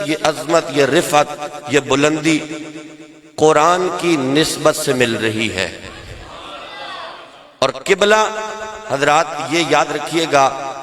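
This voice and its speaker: A man's voice: fairly high pitch, a bit bright. A man preaching a sermon at a religious gathering, leading the crowd in call-and-response chants with fervent delivery. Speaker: cleric. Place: large gathering hall with loudspeakers. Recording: echoey hall sound system with a crowd.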